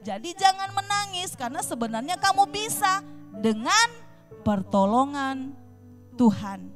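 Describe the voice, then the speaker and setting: A woman teaching Sunday school, telling a Bible story to children in a lively way, asking them questions and acting out short lines from the story. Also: sits high, unhurried, over music. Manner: animated, addresses children directly with questions.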